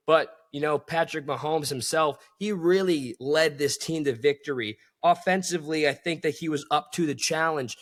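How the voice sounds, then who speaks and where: Man, sports podcast host, solo commentary, enthusiastic, a bit high voice. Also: fairly bright tone. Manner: enthusiastic, addresses listeners as folks.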